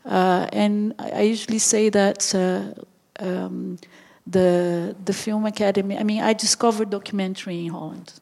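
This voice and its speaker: Brazilian woman, guest filmmaker; creaky voice with a steady, flat delivery, unhurried answers full of pauses and restarts. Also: medium pitch. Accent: Brazilian Portuguese. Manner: halting, searching for words with many pauses. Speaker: documentary filmmaker, interview guest. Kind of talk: unscripted interview answers.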